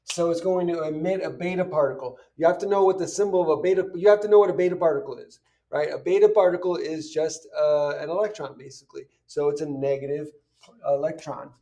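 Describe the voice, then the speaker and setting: Recorded at a distance from the microphone, this chemistry teacher talks quickly in a warm, slightly high voice. He walks through worked examples in a casual, step-by-step lesson, posing questions and supplying the answers himself.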